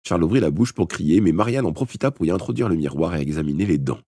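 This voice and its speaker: A man's voice: sits low, animated, fast, warm tone, breathy edge, no echo, clean studio sound. A man narrating a children's audiobook, reading it aloud with expression. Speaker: audiobook reader. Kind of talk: storybook narration from a live stream.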